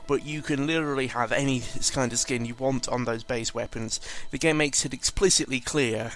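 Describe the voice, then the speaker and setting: A gaming video commentator talks through a game in a casual, rambling, sweary way, frequently correcting himself mid-thought. His voice sits in the middle range with fairly even intonation, a fairly bright tone, and a normal speed.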